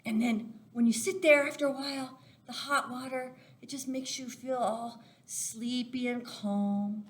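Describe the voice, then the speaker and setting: A woman with a slightly high, steady voice speaks a bit slowly. She's leading a children's Sunday school lesson with a craft demonstration, explaining each step simply as if to young listeners.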